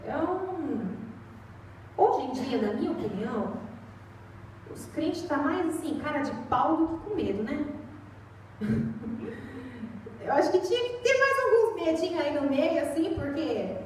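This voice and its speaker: A woman's voice: high-pitched, big pitch swings, unhurried, long pauses, a little mellow, a little hiss or hum. A young Brazilian woman preaching a sermon in a church, chatty and storytelling, recorded from far off in an echoey hall. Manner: chatty storytelling, acts out voices.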